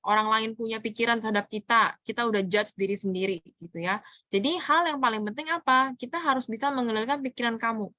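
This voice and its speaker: A woman's voice: on the high side, pushed and bright, no echo. A woman giving casual coaching advice in a webinar, mixing in English words. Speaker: speaker answering audience questions on mental health. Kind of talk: informal webinar talk.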